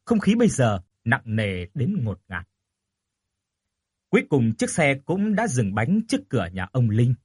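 A man's voice: mid-range voice, wildly swooping pitch, unhurried, darkish tone, slightly rough, no echo, studio quality. A man narrating a horror story expressively, rising on tense moments. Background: faint music.

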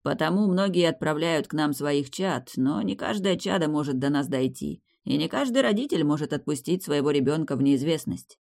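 A composed, ironic rector of a magic academy speaks in a low, mellow tone, explaining things plainly with a faint smirk. A woman reads him in her own voice for the audiobook. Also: normal speed, vocal fry, few pauses. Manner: calm, teasing, matter-of-fact. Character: wry male academy rector, shapeshifter. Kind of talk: audiobook character reading.

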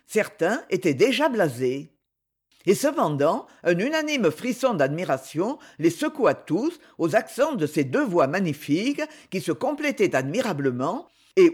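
A woman reads a classic romantic novel aloud in a measured way. Her narration has animated, lively pitch movement that keeps the prose expressive. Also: slightly rough. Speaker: audiobook narrator.

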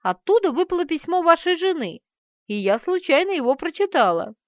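A woman's voice: extremely high pitch, big pitch swings, brisk, no echo, voice pushed up. A woman voicing a haughty, emphatic young woman in an audiobook. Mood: sorrowful. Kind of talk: audiobook character voice. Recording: slightly dull, dry.

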